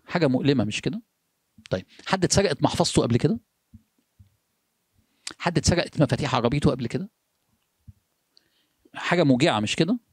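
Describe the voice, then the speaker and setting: Egyptian guy preaching fast, rhetorical questions nonstop, goes quiet and slow to stress a point, dry voice. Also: on the high side, expressive, husky, no echo. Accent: Egyptian Arabic. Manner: asks the listener rhetorical questions in quick succession; shifts between urgent speech and hushed, slowed phrases. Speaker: religious speaker. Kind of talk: motivational sermon talk.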